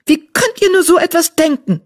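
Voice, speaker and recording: Lady reading as a fiery young she-cat apprentice, high and heated, storybook cat. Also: lively intonation, fast, slightly rough, full character voice. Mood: indignant.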